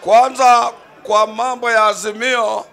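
An older man speaking loudly and rousingly to an outdoor rally on a handheld microphone. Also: very high-pitched, flat delivery, a little slow, gravelly. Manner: loud, rousing, calling out to the crowd. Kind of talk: rally speech.

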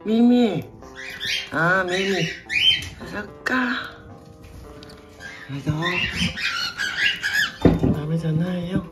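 A woman who breeds cockatiels, from Hokkaido, Japan, chatting casually as she checks nest boxes and coos gently to her birds. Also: fairly low pitch, takes it slowly, pauses often. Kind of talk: casual vlog narration. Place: indoor bird room. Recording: loud music behind.

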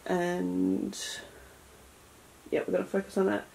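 Her voice is low-ish and gravelly, slow, with little pitch movement: a beauty vlogger in her twenties tidying her room and rambling with lots of fillers. This casual clean-with-me chat happens in a cluttered indoor bedroom beauty room, recorded with noisy home camera audio.

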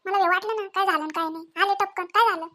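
A woman voicing a sharp village mother-in-law who scolds and keeps demanding answers. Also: very high voice, fairly even intonation, very fast. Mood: scolding.

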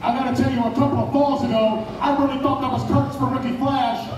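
A man giving live, excitable play-by-play wrestling commentary, raising his voice to a shout at the big moments. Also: very high voice, quick pace, background noise. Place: indoor bar venue with wrestling ring. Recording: echoey venue from far off, loud crowd and music.

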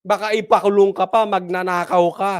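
A man's voice: sits high, level tone, a little fast, clear, resonant tone. A man hosting casual political commentary, mocking and laughing often and repeating his points for emphasis.

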